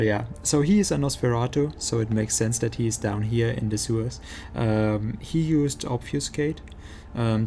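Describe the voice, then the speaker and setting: Mellow man casually commentating a game. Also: mid-range voice, creaky. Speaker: game streamer. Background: game music.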